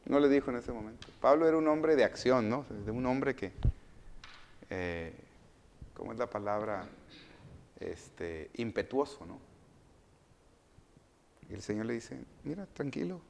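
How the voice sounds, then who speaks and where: A man preaching a sermon as pastor, asking the congregation questions and answering them himself, swinging between loud emphatic phrases and quiet asides. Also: mid-range voice, measured pace, gravelly, pauses often, slight background noise.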